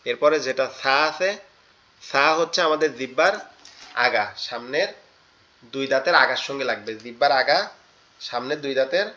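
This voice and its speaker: Man from Bangladesh, tajweed teacher, bright clear tone over muffled call audio, patient and repetitive. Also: medium pitch. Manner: patient, repeats each letter sound slowly. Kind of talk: online class instruction. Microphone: online class audio.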